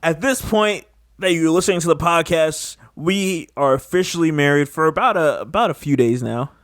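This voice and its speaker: A man's voice: a little high, normal speed, dry recording, clean studio sound. Teasing young man co-hosting a podcast. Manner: teasing and jokey. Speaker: podcast co-host. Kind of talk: casual podcast chat.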